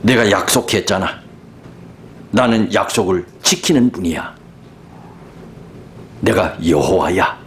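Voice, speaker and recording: A man voicing God in a sermon retelling, speaking boldly and emphatically to a discouraged prophet, with a lively, rising voice. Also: low voice, slow pace, long pauses, slight background noise, voice pushed down. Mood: reassuring. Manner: bold, emphatic, reassuring.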